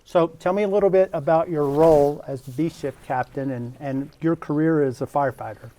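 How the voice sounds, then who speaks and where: A man from the Texas Panhandle hosting a casual interview, friendly and quick to laugh. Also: fairly high pitch, warm tone.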